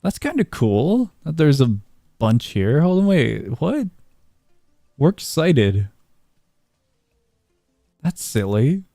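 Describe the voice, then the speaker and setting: A man's voice: on the high side, big pitch swings, takes it slowly, vocal fry, pauses often, mellow, no room sound, clean studio sound, faint music behind. A man streaming a game, chatting casually, reading game dialogue aloud and chuckling often. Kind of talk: casual gameplay commentary.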